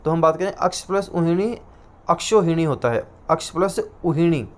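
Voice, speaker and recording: A man with a Rajasthani Hindi accent teaches an exam-prep class in a fairly high voice. He says each answer more than once and slows down to dictate the terms.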